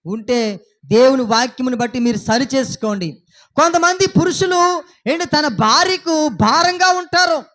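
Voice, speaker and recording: A man's voice: very high-pitched, animated, moderate pace, bright, forceful tone. A man preaching a Sunday sermon as pastor, asking his listeners repeated questions. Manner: preaching with repeated rhetorical questions and acted quotes.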